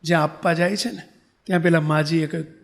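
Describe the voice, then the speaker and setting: A man's voice: fairly high pitch, steady tone, fast, gravelly. A man, a monk preacher, telling a story in a sermon and acting out the dialogue vividly.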